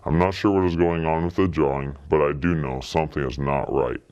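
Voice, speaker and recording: An anonymous witness in a student news interview, speaking through a pitched-down disguise effect and hedging as they pass on rumors. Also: steady tone, brisk, a little mellow, smooth, muffled recording. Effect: voice pitched down to disguise identity.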